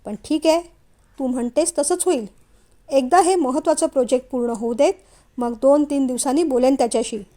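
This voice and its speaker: A woman's voice: high-pitched, fairly quick, dark tone, lightly acted. A woman voicing a stern, strict middle-aged father who speaks firmly and curtly in a storybook reading. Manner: firm, curt, dismissive.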